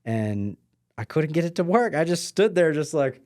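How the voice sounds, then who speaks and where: A man talking casually as a podcast guest, rambling with many fillers and often trailing off quietly. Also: fairly high pitch, very animated, normal speed, dry recording, studio quality. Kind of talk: casual conversation. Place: mountain home.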